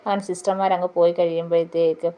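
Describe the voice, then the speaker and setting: Woman host, low and even voice, chatty serial recap with drawn-out filler sounds. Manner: chatty, fills pauses with drawn-out "aa" and "then". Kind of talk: casual plot retelling.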